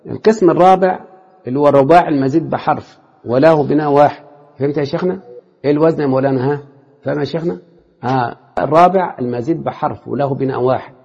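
A man's voice: mid-range voice, creaky, dark tone, breathy edge. A man teaching a classroom lesson in an Egyptian Arabic accent, constantly quizzing his students with short questions. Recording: lo-fi hall recording with long reverb.

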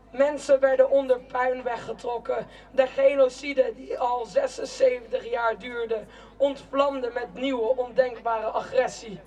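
A young woman giving a protest speech in a slow, declamatory spoken-word style, with shouted chants between lines. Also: on the high side. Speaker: rally speaker. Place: outdoor city square at a demonstration. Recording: distant outdoor rally recording.

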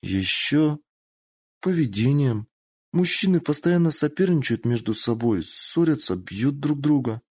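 A man's voice: medium pitch, animated, a little slow, a little mellow, slightly rough, pitched above the performer's own voice. A man voicing a naive, playful young female fox spirit in a squealing, childlike voice in an audiobook. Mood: innocent explaining. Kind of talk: audiobook character voice.

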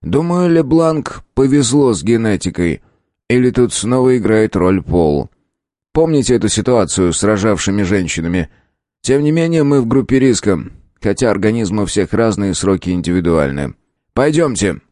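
Older male professor, brisk and authoritative, voiced by the male narrator; lively rises, dry studio read. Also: lowish voice, dry recording, pitched above the performer's own voice. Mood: grave.

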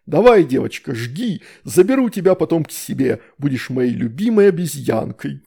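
A man's voice: fairly high pitch, big pitch swings, moderate pace, creaky, dark tone, slightly rough, heavily acted. A man reading an audiobook, voicing a smug winged demon who mocks and sneers. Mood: mocking. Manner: mocking, sarcastic.

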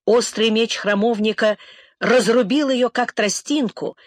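A woman narrating a novel in a measured, even reading voice as an audiobook narrator. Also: fairly high pitch, no room sound, clean studio sound.

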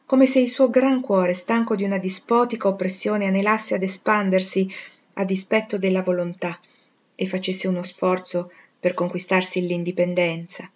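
A woman narrating a classic novel in a measured, expressive reading, on a dull lo-fi recording. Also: medium pitch. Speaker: audiobook reader. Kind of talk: literary audiobook narration.

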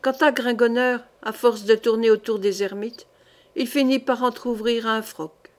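A woman's voice: on the high side, fairly even intonation, a little slow. Woman reading a historical novel aloud. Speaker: audiobook reader. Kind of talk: audiobook narration.

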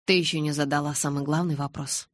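A cold, guarded young male vampire, voiced by a woman narrator speaks in a detached, faintly mocking way. The voice is low and husky, and the recording is close and dry. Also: steady tone, normal speed, dry recording. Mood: cold, ironic.

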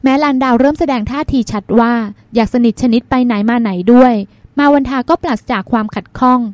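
A woman narrating a novel as an audiobook in a smooth, even storytelling manner. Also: high voice, a little fast, dry recording. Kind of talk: scripted narration.

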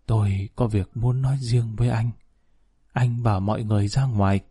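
A man's voice: lowish voice, steady tone, normal speed, dark tone, breathy edge, dry recording, clean studio sound. A man doing a frail, sly old man. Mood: secretive. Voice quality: weak, broken murmur.

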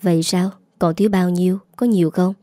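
Woman reading a generous man in his thirties, calm and gentle, dry close sound. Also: fairly low pitch, brisk, no echo, lightly acted. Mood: concerned.

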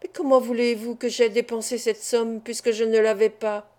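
A woman's voice: on the high side, flat delivery, normal speed, a little mellow, natural voice. A woman voicing an accused man in an audiobook, protesting his innocence with growing desperation. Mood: indignant. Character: accused male clerk, indignant and desperate.

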